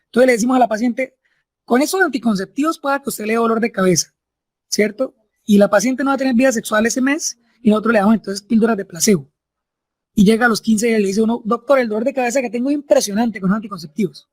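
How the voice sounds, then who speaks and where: A man with an extremely high voice talks quickly in a dry recording. He's a medical lecturer taking students through the material step by step, often tacking on tag questions to make sure they follow.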